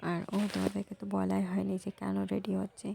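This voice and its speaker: A young woman, hoarse from a cold, talking softly to her viewers in a casual vlog. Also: completely flat delivery, fast, a little hiss or hum. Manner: soft, low-volume talk. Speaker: vlogger.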